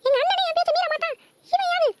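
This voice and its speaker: A woman voicing a bossy, domineering middle-aged mother in a cartoon, who talks quickly and scolds. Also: extremely high pitch, a little hiss or hum, voice pushed up. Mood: angry.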